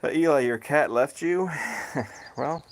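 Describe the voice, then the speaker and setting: A man hosting a casual livestream with his cats, chatting easily and reading out viewers' comments in a self-described monotone voice. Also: fairly high pitch, slow pace. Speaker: livestream host. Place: home, cats outdoors.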